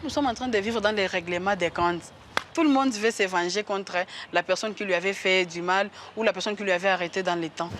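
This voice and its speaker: A woman judge speaking in an interview, halting and repeating words as she explains. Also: medium pitch, noisy background.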